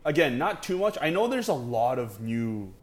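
A man co-hosting a casual podcast chat, talking in a relaxed, rambling way full of fillers. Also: mid-range voice, moderate pace. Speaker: podcast co-host.

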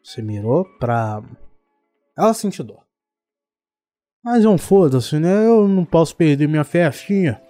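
A man's voice: on the high side, lively intonation, unhurried, pauses often, warm tone, faint music behind. A man with a Brazilian accent, ranting indignantly and sarcastically, with plenty of swearing, in a casual chat. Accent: Brazilian Portuguese.

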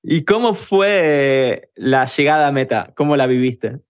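A man's voice: medium pitch, expressive, unhurried, clean tone, dry recording. A man, hosting a podcast, who asks short questions and gives brief encouraging replies. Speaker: podcast host.

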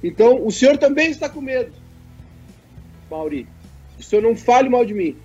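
A man's voice: extremely high pitch, sing-song, brisk, dark tone, breathy edge, lo-fi sound, soft background music. A man, co-hosting a casual sports chat and reading viewer messages in a joking way. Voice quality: nasal. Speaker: co-host.

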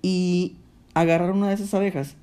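A man's voice: sits high, little pitch movement, fairly quick, mellow. Man, Mexican accent, casual chat, teasing, stop-start phrasing. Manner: chatty, teasing, with many restarts and fillers. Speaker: partner in a couple's chat.

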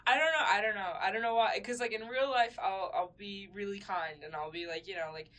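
A woman's voice: medium pitch, a little fast, a bit bright. A young woman co-hosting a casual podcast, rambling with lots of fillers and restarts, laughing often. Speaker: podcast co-host. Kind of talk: casual chat.

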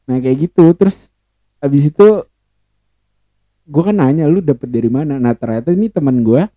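Young male guest, casual storyteller, mellow tone, slangy, dry close recording. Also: a little high, lively intonation, normal speed, dry recording, muffled recording. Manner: slangy, swears often, laughs easily. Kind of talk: casual podcast chat.

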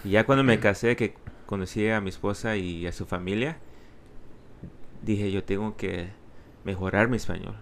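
A man tells personal stories casually, halting and restarting words, now and then slipping into Spanglish. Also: fairly low pitch, a little hiss or hum. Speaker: interview guest.

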